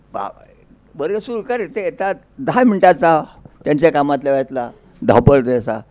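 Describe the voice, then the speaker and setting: A man's voice: high-pitched, a little mellow, muffled recording. A man giving a folksy storytelling speech, acting out dialogue in a rural dialect. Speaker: public speaker.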